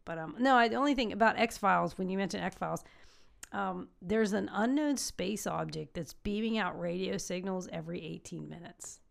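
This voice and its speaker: Gravelly-voiced chatty woman. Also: mid-range voice, moderate pace. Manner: chatty, many ums, explains history at length. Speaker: podcast co-host. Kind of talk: casual chat.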